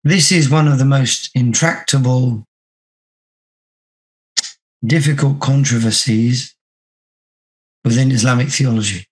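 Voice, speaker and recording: A man with a hoarse, croaky sore-throat voice, teaching an online religious class in a measured, deliberate way. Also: medium pitch, rough recording. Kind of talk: online class lecture with reading aloud. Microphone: video call.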